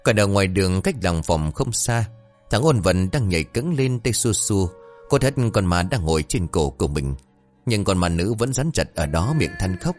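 Lively low-voiced male storyteller. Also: normal speed, soft background music. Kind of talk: comic ghost story narration.

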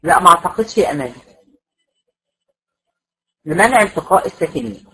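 A woman's voice: lowish voice, animated, a little fast, fairly bright tone, breathy edge, low-quality recording. A woman with an Egyptian accent teaching Quran recitation rules in a classroom lecture, patiently repeating points and checking that students follow. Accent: Egyptian Arabic.

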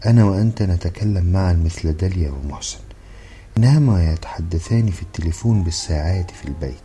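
A man voicing a wife who nags her husband for romance, quoted in an even reading voice. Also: sits low, fast talker. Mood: eager. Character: nagging romantic-minded wife.

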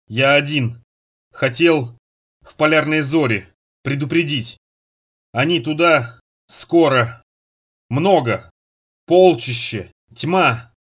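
A man reading an audiobook voices a dying wounded man who gasps out short, broken warnings slowly and loudly. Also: a little high, slightly rough, heavily acted. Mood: desperate. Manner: slow, broken, loud gasps of short words. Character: wounded older man, dying, gasping, urgent.

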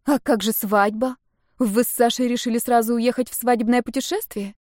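A woman voicing a lively, excitable young woman who asks blunt questions, in a spoken story reading. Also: on the high side, brisk, dry recording, clean studio sound, pitched above the performer's own voice, lightly acted. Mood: anxious.

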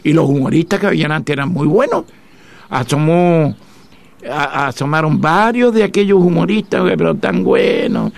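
A man's voice: on the high side, expressive, normal speed, creaky, dry recording. An older man, hosting a radio show in a chatty, reminiscing way from a studio. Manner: chatty, reminiscing, laughs at own jokes. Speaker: radio host. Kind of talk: casual radio chat.

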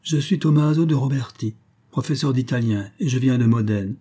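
A male narrator voicing a weak, recovering Italian nobleman in exile who speaks calmly and firmly. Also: medium pitch, natural voice. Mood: cold. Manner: calm, measured, decided.

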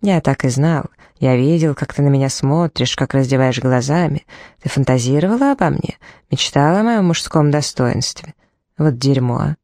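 A woman's voice: very deep voice, lively intonation, moderate pace, warm tone, dry recording, studio quality. A woman voicing a drunken, aggressive, lecherous man who pants and leers, in an audiobook. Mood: leering. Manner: panting, leering.

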